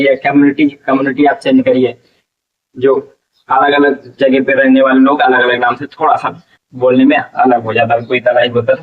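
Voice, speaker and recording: Man teaching, tinny and distant. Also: medium pitch. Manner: explains slowly, repeats words, asks and answers his own questions. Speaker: English teacher. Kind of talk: classroom vocabulary lesson.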